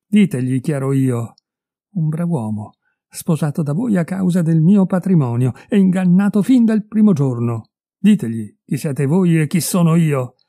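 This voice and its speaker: A furious, betrayed middle-aged husband, put on by a male reader hurls accusations at his wife and her lover. His voice climbs with anger over a very dark, mellow base. The storybook recording is dry and close. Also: a little high, lively intonation, measured pace, no echo. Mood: furious, accusing. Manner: raised, heated and accusing.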